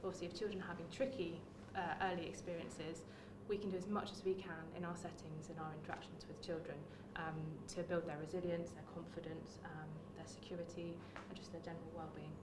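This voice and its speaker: A woman's voice: fairly low pitch, little pitch movement, a little fast, few pauses, echoey room, far from the mic, background noise. A woman, a music therapist and former teacher, giving a friendly workshop talk with frequent "um"s. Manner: friendly, many "um"s, speaks to the room. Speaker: early years music practitioner and music therapist. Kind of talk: workshop presentation. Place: workshop room.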